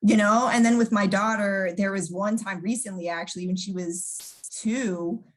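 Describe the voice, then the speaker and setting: A woman talks casually as an interview guest. She tells stories in a loose, chatty way, full of fillers and restarts, and slips into other people's voices for quotes. Her pitch sits in the middle range. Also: fairly even intonation, moderate pace. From New York, USA.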